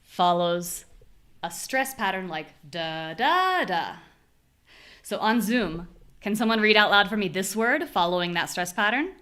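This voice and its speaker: American woman, pronunciation teacher, mid-pitched, patient, demonstrating stressed syllables. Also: expressive, moderate pace, sharp tone. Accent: General American. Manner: patient, clear explanations. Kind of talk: live online class.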